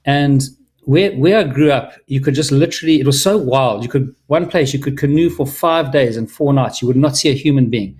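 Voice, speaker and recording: A man's voice: medium pitch, a little fast, darkish tone. A middle-aged man from Zimbabwe, a filmmaker speaking earnestly and enthusiastically to an audience, with many restarts. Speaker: filmmaker presenting his film. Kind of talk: earnest personal talk to an audience.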